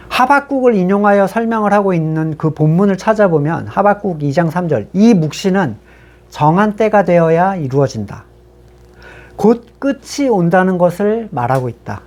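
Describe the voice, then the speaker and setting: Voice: medium pitch, a little mellow. A pastor giving a sermon in a conversational way, reading scripture passages aloud and then explaining them with rhetorical questions to the congregation.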